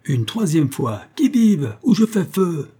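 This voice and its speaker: Man putting on a young adventurer, husky, warm, raised and higher voice, quick-tempered. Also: close to an everyday voice. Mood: challenging, shouting. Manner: raises voice to shout challenges. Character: young Frenchman, bold explorer, quick-tempered.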